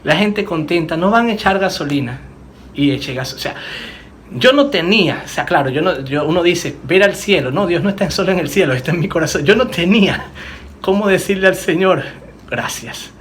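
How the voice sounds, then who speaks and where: A man preaching a sermon as pastor, moving between fervent declarations and hushed, personal confessions. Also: sits high, lively intonation, a little fast, slight background noise. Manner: impassioned preaching, swings from loud declarations to hushed, intimate moments.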